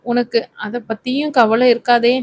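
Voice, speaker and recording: A woman voicing a sharp-tongued young woman who scolds her reckless friend. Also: a little high, steady tone, normal speed, natural voice. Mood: scolding. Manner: scolding, sarcastic.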